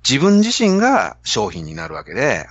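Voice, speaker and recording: A man's voice: medium pitch, wildly swooping pitch, moderate pace, dry recording, highs cut off. A man with a Kansai accent, hosting a podcast and telling a story to explain a business idea. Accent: Kansai Japanese. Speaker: podcast host. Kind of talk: casual podcast talk.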